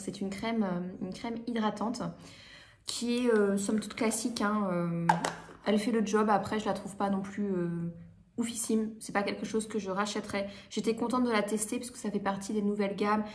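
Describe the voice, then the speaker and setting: A woman's voice: mid-range voice, a little mellow, a little hiss or hum. Chatty woman reviewing beauty products. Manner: chatty, hesitant with many fillers. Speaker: beauty vlogger. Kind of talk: casual product review vlog.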